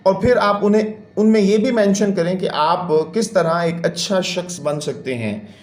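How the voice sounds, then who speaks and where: A man teaches a classroom lesson, patiently explaining step by step and counting syllables aloud. His voice sits high, his pace is a little slow, and the sound is reverberant.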